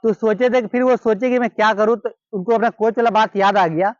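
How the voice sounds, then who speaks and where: Indian guy with a high voice telling a story casually, lots of repeating, dry dull lo-fi recording. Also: steady tone, fairly quick, no room sound. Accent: Hindi-speaking Indian. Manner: repetitive, conversational retelling with quoted dialogue. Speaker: cricket storyteller.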